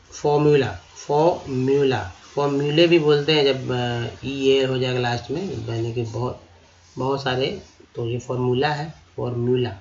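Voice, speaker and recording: A man teaching English vocabulary in a slow lesson, sounding out each word syllable by syllable and repeating it. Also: medium pitch, muffled recording. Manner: repeats words syllable by syllable, addresses viewers as friends.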